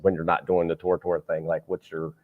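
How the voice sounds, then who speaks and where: A man's voice: sits low, little pitch movement, fairly quick, in a large hall. A male host asking loose, rambling questions and giving short encouraging replies. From United States. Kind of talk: casual interview questions. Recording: tinny phone-like remote line.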